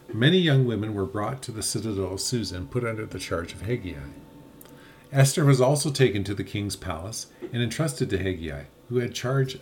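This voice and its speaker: A man's voice: lowish voice, a little mellow, a little hiss or hum. Man reading scripture aloud. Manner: laughs often, stumbles over names. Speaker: podcast co-host reading scripture. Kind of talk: casual Bible study chat with reading aloud.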